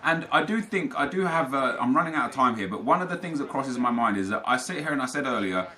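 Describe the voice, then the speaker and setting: Speaking quickly in a bright, forceful medium-pitched voice, a young man with a British accent answers viewers on his gaming channel. He's expressive, casual and argumentative, wandering off track and correcting himself as he talks.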